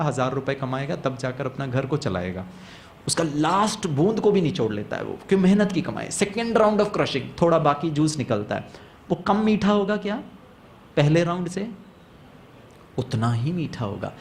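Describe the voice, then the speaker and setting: Animated male motivational speaker. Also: medium pitch, a little hiss or hum. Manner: animated, mixes Hindi and English, asks the audience questions. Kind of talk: motivational spiritual class.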